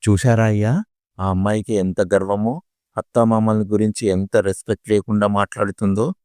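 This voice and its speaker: A man's voice: on the low side, steady tone, normal speed, dry recording, studio quality, natural voice. A man reading as a blunt, scolding lawyer. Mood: mocking. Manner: loud, mocking scolding.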